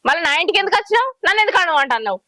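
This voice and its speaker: A woman's voice: very high-pitched, big pitch swings, very fast, bright, forceful tone, dry recording, full character voice. A woman, playing a defiant, sarcastic village wife who argues with her husband and her father. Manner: combative, sarcastic. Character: defiant sharp-tongued village wife, one of two. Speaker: actor in a village comedy short.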